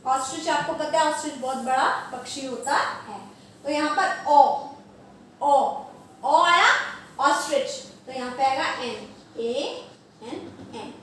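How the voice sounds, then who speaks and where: High-pitched Indian woman teaching children. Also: measured pace, fairly bright tone. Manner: explains patiently, repeats questions to young pupils. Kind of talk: online grammar lesson for children. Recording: far from the mic in an echoey room, faint noise.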